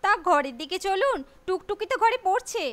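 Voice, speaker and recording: Woman acting a high-voiced, long-suffering wife. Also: expressive, fairly quick. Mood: everyday, caring. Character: long-suffering, fed-up wife and hard-working mother. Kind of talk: melodramatic short film acting.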